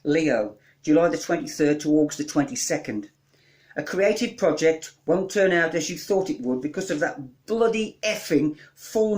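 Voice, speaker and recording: Man with a deadpan comic delivery. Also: on the high side. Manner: deadpan comic delivery, rattling off long lists. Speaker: spoken-word performer. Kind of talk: comic reading of his own writing.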